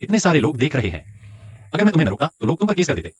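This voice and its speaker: A man dubbing a young boyfriend who tries to calm a fight, placating and reasonable. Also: a little high, racing, a little hiss or hum. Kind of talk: Hindi dub of a TV drama. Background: music.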